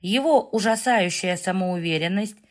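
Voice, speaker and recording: Brief: female audiobook narrator, first-person fantasy, expressive mid-pitched voice. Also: normal speed.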